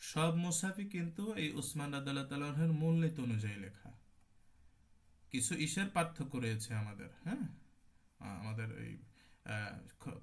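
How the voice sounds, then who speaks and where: A man with a Bangladeshi Bengali accent teaching an online class on Quran recitation, at a middle pitch for a man. He explains patiently, goes over the terms again and sounds out words to demonstrate them.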